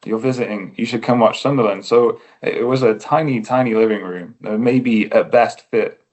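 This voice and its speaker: English guy on a podcast, lowish voice, easygoing, lots of uhs and restarts. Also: moderate pace, darkish tone. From England. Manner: thoughtful, with frequent fillers and restarts. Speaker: guest. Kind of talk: casual interview chat.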